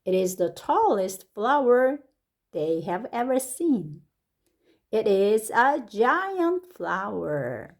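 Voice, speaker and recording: A woman with a Korean accent and a medium-pitched voice reads a storybook slowly and with animation. As an English picture-book reader and teacher, she stretches her words deliberately and adds lively rises on exclamations.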